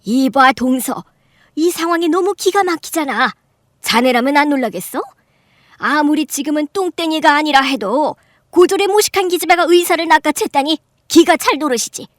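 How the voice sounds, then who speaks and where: A voice actress playing a rude, scornful middle-aged aunt in a radio drama, sneering and loud with high, incredulous outbursts. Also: female voice, moderate pace, no echo, clean studio sound, lightly acted. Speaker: voice actor. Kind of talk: Korean radio drama acting.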